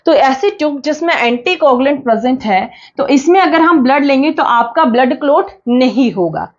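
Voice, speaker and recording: A woman with a high voice teaches an exam-prep class, patient and methodical. She repeats each point and asks herself questions, then answers them. The audio sounds dull and lo-fi. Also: animated, normal speed.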